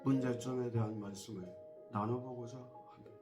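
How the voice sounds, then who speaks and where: A man giving a spoken history lecture in a measured way, often pausing on drawn-out fillers and asking the listeners rhetorical questions. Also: medium pitch, steady tone, music in the background.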